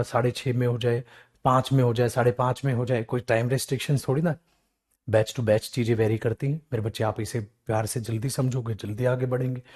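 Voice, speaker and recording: With a husky voice, a man lectures on English grammar for government-exam preparation, explaining English examples in Hindi. He's animated, fondly scolding and coaxing, calling students beta, and he mimics their whining in a weak, low tone.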